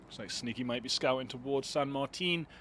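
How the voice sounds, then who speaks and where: An esports caster covers an online shooter match solo, chatty and rambling, with self-deprecating asides. His mid-range voice moves a little fast, and there's background noise behind him.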